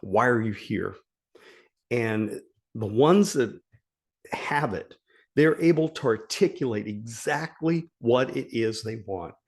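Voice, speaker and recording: A man's voice: medium pitch, animated, slow pace, a little mellow. Earnest man coaching on mindset. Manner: earnest, emphatic, repeats key phrases. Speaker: life coach. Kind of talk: motivational talk to camera.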